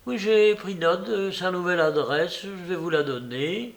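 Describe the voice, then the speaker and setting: A man's voice: high voice, unhurried, pitched above the performer's own voice. A man doing a polite shop mistress. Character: polite middle-aged shopkeeper woman.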